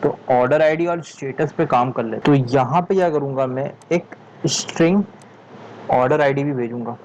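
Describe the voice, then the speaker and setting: A man teaching a coding tutorial at a slow, deliberate pace, thinking aloud and muttering to himself when stuck. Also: medium pitch, darkish tone, a little hiss or hum, rough recording. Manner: thinks aloud, frustrated muttering "yaar", frequent "theek hai"; speaks slowly on purpose. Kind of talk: screen-recorded coding tutorial.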